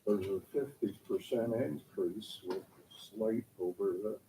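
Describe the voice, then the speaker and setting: An older homeowner speaks plainly and deliberately to a city board. His voice sits somewhat low and comes from well away from the microphone. A loud room hiss runs underneath. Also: creaky. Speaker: homeowner addressing a review board. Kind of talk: public meeting testimony. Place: municipal meeting room. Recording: distant mic with loud room noise.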